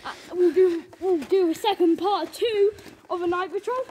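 Very high-voiced girl barking patrol callouts. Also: moderate pace, dark tone, a little hiss or hum. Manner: barks short tactical callouts. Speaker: vlogger. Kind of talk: casual vlog. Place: outdoor street at night. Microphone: handheld phone camera.

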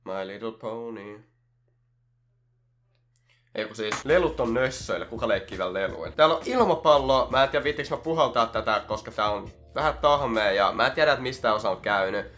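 A man's voice: lowish voice, a little hiss or hum. A young man, chatting casually as he opens and reads fan mail in a vlog, joking and swearing freely. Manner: swears a lot, jokey and animated. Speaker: YouTuber opening fan mail.

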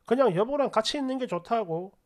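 A woman's voice: a little high, expressive, fast talker, a little mellow, lightly acted. A woman voicing a considerate but stubborn husband in a narrated story, arguing back insistently. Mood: gentle.

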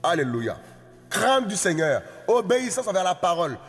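A man's voice: sits high, animated, moderate pace, in a large hall, faint music behind. A man preaching a sermon, exhorting his listeners in a repetitive, singsong cadence.

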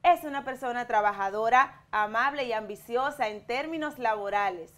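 A Dominican woman in her thirties, an English teacher, giving a televised lesson to schoolchildren and slowly modelling sentences in both languages with a Dominican Spanish accent. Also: a little high, fairly bright tone. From Dominican Republic. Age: 30s. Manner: slow, clear bilingual explaining, modelling words for repetition.

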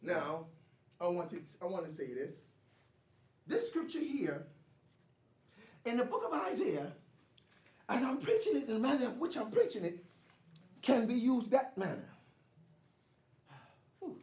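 Woman preacher going back and forth w the church, high voice swinging all over, slow and drawn out, far off mic in a big echoey room. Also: sing-song. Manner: call-and-response preaching, rising to shouts. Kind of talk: sermon. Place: church sanctuary. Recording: echoey live church stream, distant mic.

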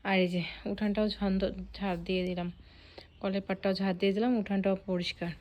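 A young woman talking quietly and casually to her viewers while doing chores at home. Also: mid-range voice, little pitch movement, fast talker, dull audio. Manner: soft-spoken, chatty, addresses viewers directly. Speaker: vlogger. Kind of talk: casual vlog narration.

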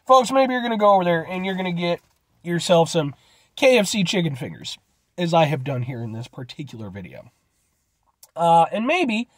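A man in his thirties with a high voice and a slight cold rambles animatedly through a casual food review vlog, gesturing a lot from his parked car. He holds a phone camera at arm's length, yet the sound is dry and clean like a studio.

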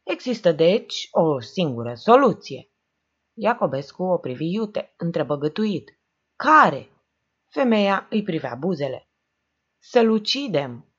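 A woman narrating an audiobook with a dramatic, expressive reading, in a dull lo-fi recording. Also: on the low side, breathy edge. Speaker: audiobook reader.

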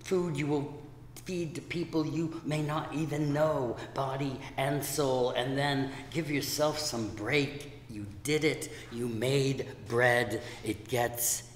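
A man's voice: mid-range voice, steady tone, takes it slowly, slight background noise. A middle-aged man performing spoken word poetry in a wry, playful manner. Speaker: poet. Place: community room, indoors. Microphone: stand mic. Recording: echoey room with long reverb.

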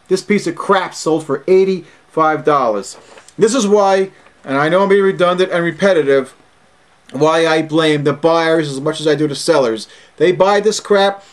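Indignant middle-aged collector, higher-pitched male voice, casual and blunt. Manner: blunt, indignant, reads out item numbers slowly. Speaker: autograph collector vlogger. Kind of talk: casual video commentary.

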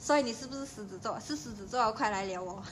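A woman's voice: a little high, a little hiss or hum. A young Malaysian woman with a Malaysian Mandarin accent, chatting playfully with viewers on a livestream from home. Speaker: livestream host. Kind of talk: casual livestream chat.

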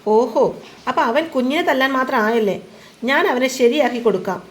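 A woman's voice: sits high, normal speed, close to an everyday voice. A woman voicing a concerned, decisive middle-aged mother-in-law who speaks firmly. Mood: determined.

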